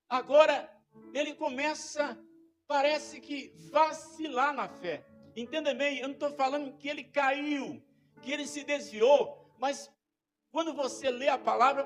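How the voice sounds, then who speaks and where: High-voiced pastor preaching passionately. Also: male voice. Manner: impassioned, emphatic preaching with dramatic swells. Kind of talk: sermon. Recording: faint background instrumental music.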